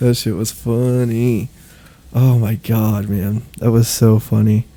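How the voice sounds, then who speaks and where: A young man co-hosts a casual podcast chat, laughing easily, saying "dude" a lot and acting out what people said as he tells stories. His voice is on the low side and dark, with a level tone and slow pace.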